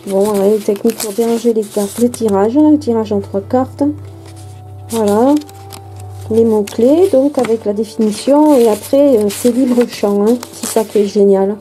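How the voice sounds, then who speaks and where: French woman card vlogger, dark mellow higher voice, halting casual chat, soft music behind. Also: poor audio. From France. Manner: hesitant, many fillers and restarts. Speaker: tarot and oracle card vlogger.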